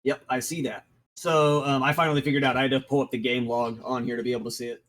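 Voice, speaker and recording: A man's voice: medium pitch, fairly even intonation, fast, a bit bright, low-quality recording. A man narrating as game master in a tabletop game played online, hesitant and full of restarts. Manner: hesitant, many restarts and ums.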